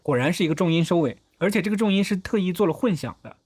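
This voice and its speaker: A man's voice: sits high, animated, rapid-fire, background noise. A man hosting a film analysis video, talking through each shot step by step in a methodical, explanatory way. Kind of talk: explanatory film breakdown narration.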